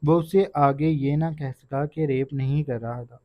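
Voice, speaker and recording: Guy reading a romance novel out loud, steady earnest voice, mid pitch, muffled dry audio. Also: dry recording. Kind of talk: audiobook narration. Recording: dull, dry lo-fi recording.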